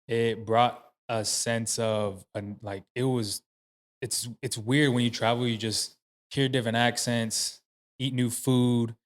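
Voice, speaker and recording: A man's voice: mid-range voice, little pitch movement, takes it slowly. A man hosting a podcast, talking casually in a loose, rambling way with many fillers and restarts. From United States. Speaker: podcast host. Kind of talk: casual interview chat. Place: podcast studio.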